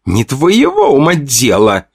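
A man's voice: medium pitch, huge pitch swings, measured pace, vocal fry, husky, no echo, clean studio sound, pitched above the performer's own voice, heavily acted. A man voicing an angry, proud female elf goddess in an audiobook, snarling commands.

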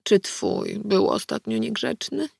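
Woman doing a male werewolf intruder, calm, sly, evasive, gravelly, dry close sound. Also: medium pitch, slow, no room sound, full character voice.

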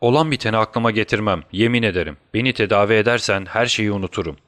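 A man's voice: lowish voice, fast, a bit bright, no room sound, studio quality, lightly acted. Sherlock Holmes voiced by a man. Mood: feeble, whispering. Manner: urgent commands, then feeble whispers. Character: brilliant male detective feigning deadly illness. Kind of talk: audiobook character voice.

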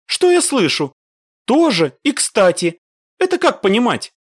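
Coy teasing girl soldier, way up high, man doing her voice, dry close read. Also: big pitch swings, unhurried, husky, dry recording, exaggerated voice.

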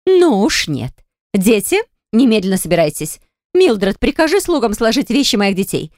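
A woman's voice: sing-song, moderate pace, a little mellow, dry recording, studio quality. A woman reading an audiobook and voicing a haughty, hysterical dragon woman who snarls and shrieks at her brother's mate. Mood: hysterical fury. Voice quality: shrill, hissing and snarling.

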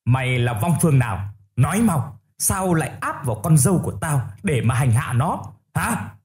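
A stern old great-grandfather, over sixty, fearless and commanding, voiced by a male storyteller. He barks short, clipped demands at an unseen spirit. His tone is dark and mellow, with a lively pitch. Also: moderate pace, close to an everyday voice. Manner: barking, commanding interrogation.

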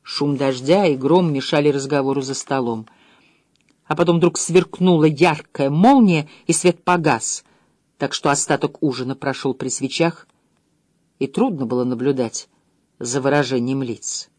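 A woman reading a mystery novel aloud in a measured, calm storytelling manner. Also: extremely low pitch, no room sound. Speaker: audiobook reader. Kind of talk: scripted narration.

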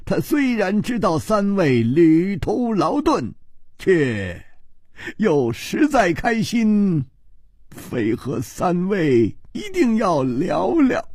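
A man's voice: fairly high pitch, wildly swooping pitch, takes it slowly, darkish tone, breathy edge, no room sound, studio quality, exaggerated voice. A man playing a cheerful middle-aged matchmaker who talks politely and chattily with filler sounds.

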